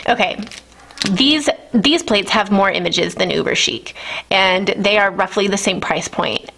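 A woman in her thirties gushing through a casual product review at home, excited and chatty. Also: medium pitch, unhurried, vocal fry, slight background noise. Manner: gushing, enthusiastic. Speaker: nail art vlogger. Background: children.

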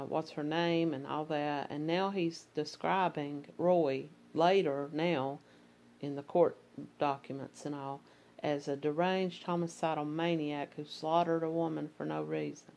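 A woman's voice: low voice, steady tone, a little slow, vocal fry, darkish tone. A woman with an Appalachian accent narrating a true crime case, reading court filings and commenting in a conversational way with fillers.

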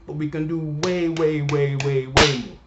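Speaking to his webcam from a desk in his living room, this young Cameroonian vlogger delivers a passionate rant straight to his audience, saying things again and again for emphasis. His pitch sits fairly high with fairly even intonation at a normal speed. Heavy background noise fills the roomy, dull lo-fi recording.

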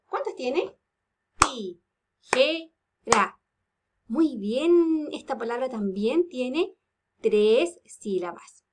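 A woman teaches little children from home in a high, bright voice. She takes her time, leaning into a sing-song lilt and stretching each word into its syllables. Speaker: kindergarten teacher. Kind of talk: remote lesson for young children.

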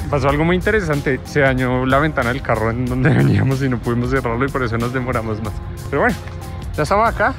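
Excitable man vlogging. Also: mid-range voice, fast talker. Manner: upbeat, excitable, laughs often. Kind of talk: casual vlog. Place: home office, then empty concrete apartment. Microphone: handheld camera at arm's length. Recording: echoey empty rooms with music.

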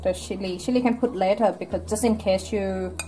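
A woman's voice: medium pitch, steady tone, brisk, dark tone. A woman from Thailand giving practical cooking tips in plain, simple English with background music playing. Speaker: co-host, cook. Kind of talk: casual cooking vlog.

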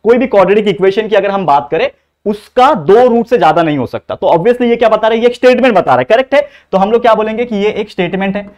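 A man's voice: high voice, expressive, quick pace, a little mellow. A young man from India teaching a maths lesson, explaining step by step and putting rhetorical questions to his students. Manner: asks students rhetorical questions, mixes Hindi and English. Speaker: maths tutor. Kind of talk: exam-prep lecture.

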